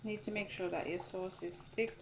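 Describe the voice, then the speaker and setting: At a gas stove in her kitchen, a cooking channel host gives a relaxed, chatty tutorial, going back over her steps and calling her viewers "guys." Her mid-range voice holds a steady tone at a normal speed. The phone-recorded audio is dull and lo-fi, with background noise.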